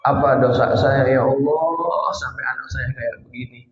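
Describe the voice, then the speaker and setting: A man's voice: medium pitch, moderate pace, roomy sound, big-room sound, muffled recording, lightly acted. A man preaching who voices a heartbroken middle-aged father, praying in tears and asking what his sin was. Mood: anguished. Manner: pleading, anguished prayer.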